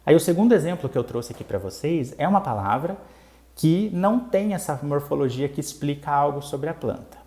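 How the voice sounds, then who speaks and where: Mellow-voiced Brazilian man explaining patiently. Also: on the high side, animated, brisk. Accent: Brazilian Portuguese. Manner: patient, explains step by step, tags lines with "né?" and "tá bom?". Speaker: plant channel host. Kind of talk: casual explanatory lesson to camera.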